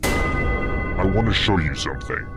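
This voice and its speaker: A man's voice: low-pitched, lively intonation, unhurried. An actor playing a sinister male game show host who menaces the players in a sardonic, threatening manner. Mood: menacing. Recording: music playing behind voice.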